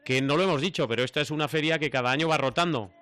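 A man hosting a regional radio show, leading the interview with brisk, friendly questions. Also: a little high, a bit bright, clear, resonant tone. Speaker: radio host.

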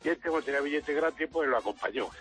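A man's voice: a little high, fast talker, fairly bright tone, faint music behind. A man calling a radio show, telling a funny story building to a punchline. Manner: builds up to a punchline, hesitant fillers. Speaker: caller. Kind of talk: telling a joke anecdote on a call-in show.

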